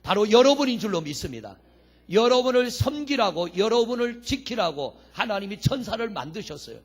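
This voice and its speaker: A man's voice: high-pitched, big pitch swings, moderate pace. A man pastor preaching a sermon in a church. He asks the congregation questions, answers them himself, and reads scripture verses aloud. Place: church sanctuary.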